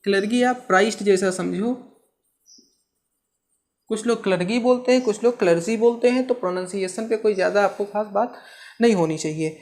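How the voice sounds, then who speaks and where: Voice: medium pitch, normal speed, pauses often. Teacher doing an exam prep history lecture, keeps asking then answering their own questions, lots of "theek hai". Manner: asks rhetorical questions and answers them; explains terms with everyday comparisons.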